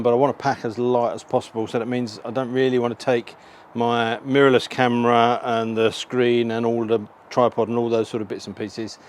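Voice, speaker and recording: A middle-aged man casually talking through motorcycle gear as a vlogger, in an informal walkthrough to camera. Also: mid-range voice. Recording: clearly audible ambient background noise.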